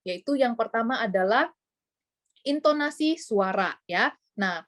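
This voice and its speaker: A woman's voice: on the high side, lively intonation, measured pace, fairly bright tone. A woman giving casual training tips on presenting, chatty and full of fillers, acting out short examples. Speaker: sales trainer.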